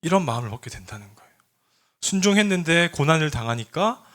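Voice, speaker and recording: A man's voice: fairly high pitch, big pitch swings, fast, fairly bright tone. A male pastor preaching a sermon to a youth group. He asks the congregation questions and leads group readings.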